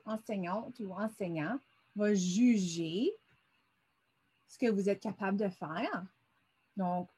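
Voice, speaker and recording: A woman's voice: medium pitch, a little mellow, husky. A middle-aged woman teaching a vocabulary lesson over a screen, patiently sounding words out syllable by syllable.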